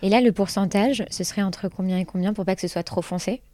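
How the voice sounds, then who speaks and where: A woman's voice: medium pitch, quick pace, warm tone, no echo, studio quality. A woman hosting a podcast interview, asking questions and giving brief acknowledgements.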